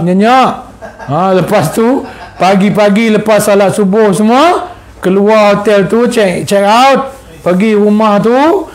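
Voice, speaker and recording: High-voiced Malaysian preacher telling a story. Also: male voice. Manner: animated, repeats phrases and addresses the audience often. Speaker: religious teacher. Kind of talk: storytelling lecture.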